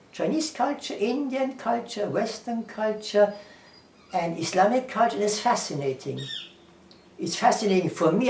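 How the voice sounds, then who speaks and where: This man's voice sits high and sounds a little mellow, carrying a German accent. He's an English teacher giving a casual talk to camera, earnest in manner, repeating himself, listing ideas one by one and quoting scripture. The room is echoey and he is far from the mic.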